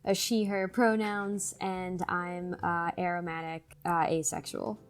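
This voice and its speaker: A woman of twenty-seven introduces herself as a podcast guest, soft and hesitant. She speaks very slowly in a lowish voice. Her pauses are filled with quiet fillers. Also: level tone, soft background music. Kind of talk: casual podcast chat.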